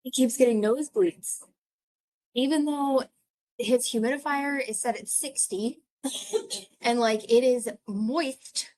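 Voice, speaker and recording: A woman's voice: mid-range voice, low-quality recording. Chatty woman instructor on a video call. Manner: chatty, expressive storyteller. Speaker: nursing clinical instructor. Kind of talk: casual chat before an online class.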